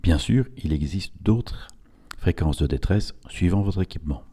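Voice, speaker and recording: A man's voice: sits low, moderate pace, mellow, slightly rough. A man reading a scripted instructional narration in a didactic, step-by-step way, as an instructor would.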